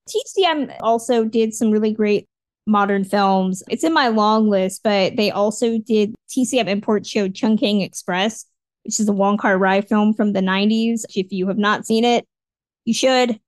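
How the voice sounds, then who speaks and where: A woman's voice: mid-range voice, moderate pace, no room sound. A woman co-hosting a podcast, chatting casually and giving upbeat recommendations. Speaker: podcast co-host. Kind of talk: casual chat.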